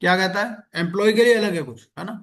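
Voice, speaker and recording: A man teaching an exam-prep lecture, reading legal text slowly and explaining it. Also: high-pitched, a bit bright.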